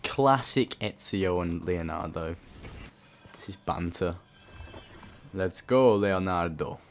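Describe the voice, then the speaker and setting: A man hosting a let's play rambles, swears, and talks to himself through his gameplay commentary. His low voice is animated yet slow, and it sits under the game noise.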